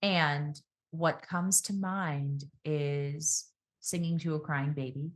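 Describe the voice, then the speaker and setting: Guesting on a podcast, a speaking coach talks calmly and thoughtfully, shifting her pitch and slowing her pace to illustrate vocal technique.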